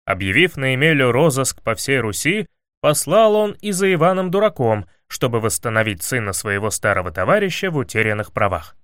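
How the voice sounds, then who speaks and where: A man narrating a comic fairy tale in a wry, expressive way. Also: medium pitch, brisk, clean tone, no room sound, studio quality.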